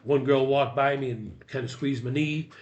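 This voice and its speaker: A man's voice: mid-range voice, moderate pace, lo-fi sound, a crowd in the background. A man in his sixties, a podcast guest, telling a story casually and acting out the dialogue he recounts. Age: 60s. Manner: animated retelling, acts out quoted dialogue.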